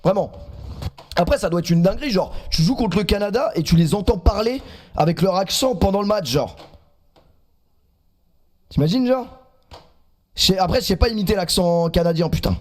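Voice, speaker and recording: A man's voice: high voice, a little mellow. A man in his twenties streaming live, reacting to clips and chatting in a teasing, self-mocking way.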